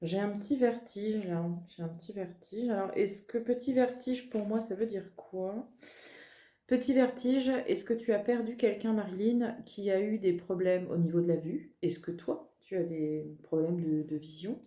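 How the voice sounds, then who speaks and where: A woman's voice: medium pitch, steady tone, normal speed, mellow. A woman, a medium giving a casual, chatty card reading at her desk, joking at her own expense. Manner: chatty, self-mocking, laughs at herself. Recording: roomy echo.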